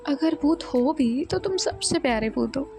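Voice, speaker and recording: Woman doing a shy but bold college girl in love, soft and tender, slow and kinda high, light music way behind. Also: animated.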